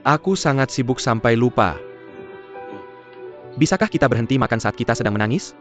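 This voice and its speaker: A man's voice: mid-range voice, lively intonation, a little fast, close to an everyday voice. A man dubbing a defensive husband. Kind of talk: dubbed drama dialogue. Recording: dull lo-fi dub with music behind.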